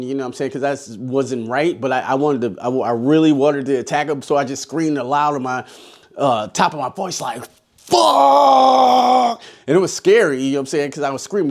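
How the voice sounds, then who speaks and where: A man in his forties, a haunted house scare actor, telling stories in a rambling, profane way with many restarts. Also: fairly high pitch. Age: 40s. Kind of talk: casual storytelling vlog.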